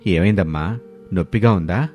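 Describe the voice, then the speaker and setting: A man voicing a gentle older father-in-law who speaks low and soothingly in a storybook tale. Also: normal speed, soft background music. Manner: low, soft-spoken and soothing.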